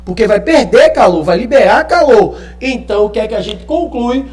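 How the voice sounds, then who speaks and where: A man's voice: high voice, a little mellow. A male teacher gives a live online class from home, checking in often with the students. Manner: checks in often with tag questions. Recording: echoey room with faint music.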